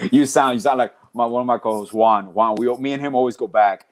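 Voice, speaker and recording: A man's voice: medium pitch, normal speed. A man hosting a casual sports podcast, talking through trades in an easygoing way. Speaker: podcast host.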